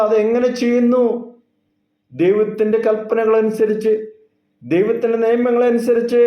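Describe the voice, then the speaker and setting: A man preaches a sermon in slow, measured phrases and lingers on key words. His voice sits high for a man. The recording is dull and lo-fi, with a roomy echo around him. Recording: echoey, dull lo-fi room sound.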